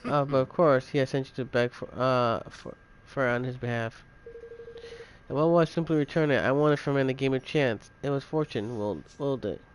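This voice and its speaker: A man's voice: mid-range voice, a little fast, slight background noise, lightly acted, rough recording. A man reading as a pompous, scheming gambling lord. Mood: indignant, defensive. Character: pompous, scheming male master of a gambling town.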